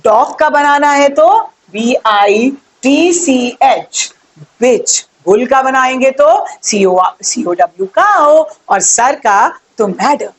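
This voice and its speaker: A young woman teaching an English grammar lesson, explaining slowly, spelling words out letter by letter and asking her viewers questions. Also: sits high, expressive.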